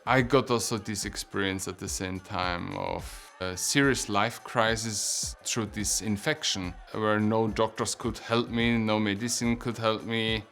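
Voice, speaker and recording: Middle-aged male, Swiss German accent, gravelly and unhurried, telling his own story over instrumental music. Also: on the low side, steady tone, a bit bright. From Switzerland. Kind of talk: personal testimonial narration.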